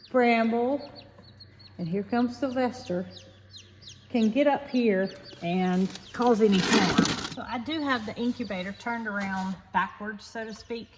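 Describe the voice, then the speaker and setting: A woman's voice: fairly high pitch, darkish tone. A woman giving a casual, folksy farm vlog, talking straight to viewers inside an echoing barn. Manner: folksy, addresses viewers directly. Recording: echoey barn, clear background noise, birds.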